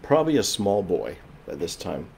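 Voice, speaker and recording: A man preaching a sermon as pastor, earnest and emphatic, swinging between loud and soft and often repeating phrases as he explains. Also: sits low, huge pitch swings, normal speed, vocal fry.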